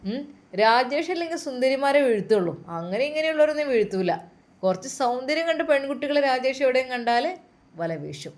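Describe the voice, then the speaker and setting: A woman's voice: sits high, lively intonation, brisk. A woman voicing a drunken, lecherous male boss who leers and coaxes with slurred speech. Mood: leering. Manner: slurred, leering, coaxing.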